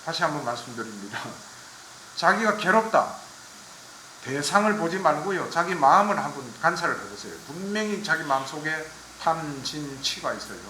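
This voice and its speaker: A man's voice: fairly high pitch, lively intonation, moderate pace, bright, forceful tone, slight background noise. A man from giving a Buddhist dharma lecture with plain explanations, asking listeners to agree as he goes. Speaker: Buddhist teacher. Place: temple lecture hall. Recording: echoey room.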